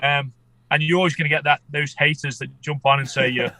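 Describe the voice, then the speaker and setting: Congested man, bright higher-pitched voice. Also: little pitch movement, fairly quick, dry recording, low-quality recording. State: congested with a cold, muffled as if underwater. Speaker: podcast guest, amateur shark expedition filmmaker. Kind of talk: casual interview chat.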